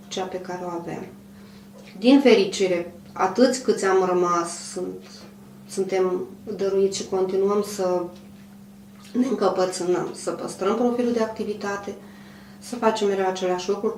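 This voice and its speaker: A woman in her fifties who runs a clothing manufacturer, answering an interview in a measured, hesitant way with many pauses. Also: lowish voice, a little mellow. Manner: measured, hesitant, frequent pauses and throat clearing. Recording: roomy, distant mic, faint hum.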